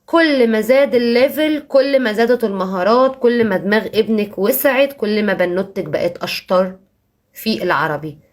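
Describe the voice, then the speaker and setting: A woman teacher with an Egyptian Arabic accent, explaining to parents how she teaches young children, emphatic and repeating key words, slowing down on examples. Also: medium pitch.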